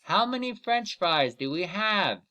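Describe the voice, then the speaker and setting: A man teaching young children in the manner of a kids show host, explaining deliberately step by step and often checking in with "okay?". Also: high voice, sing-song, bright, forceful tone, dull audio. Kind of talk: children's lesson instruction.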